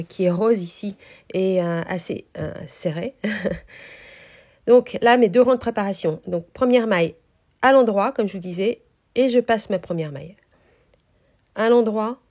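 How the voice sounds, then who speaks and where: A woman teaching a knitting technique, explaining each step calmly with frequent hesitations, her voice slightly nasal from a cold. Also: mid-range voice. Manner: calm, hesitant explaining with many pauses. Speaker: knitting instructor. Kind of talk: knitting tutorial.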